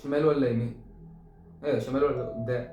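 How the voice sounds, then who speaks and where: Fast, jumpy Egyptian man gaming. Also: medium pitch, fairly even intonation, echoey room, over music. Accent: Egyptian Arabic. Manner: jumpy, jokey, shouts when startled. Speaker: gamer playing a horror game. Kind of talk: casual let's-play chat.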